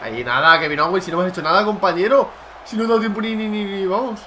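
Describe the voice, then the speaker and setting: A young man from Spain with a Spanish accent, giving loud, excited commentary on his own gameplay, shouting and swearing at his opponent. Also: sits high, fast, a little hiss or hum. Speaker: gaming YouTuber.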